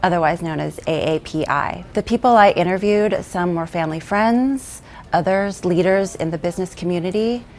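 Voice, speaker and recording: An American woman reporter who narrates in a measured, earnest way and asks interview questions. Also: fairly low pitch, darkish tone, slight background noise. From United States.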